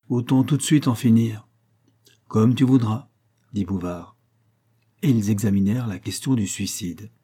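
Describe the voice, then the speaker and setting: A man narrating a classic novel as an audiobook, with measured, even reading. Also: mid-range voice, husky.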